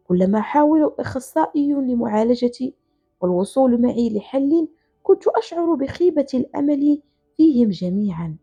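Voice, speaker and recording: A woman narrating a scripted first-person story in an earnest, emotional way. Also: high-pitched. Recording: slightly dull, soft music behind.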